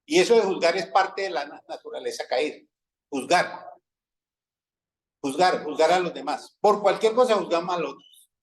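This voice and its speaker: A male pastor with a Colombian accent delivers a sermon in a conversational, storytelling manner, often pausing to check that his listeners follow. His voice sits somewhat high for a man. He acts out the voices of people in his everyday anecdotes. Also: poor audio. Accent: Colombian Spanish. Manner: conversational preaching with frequent "¿sí?" checks; acts out quoted dialogue in everyday stories.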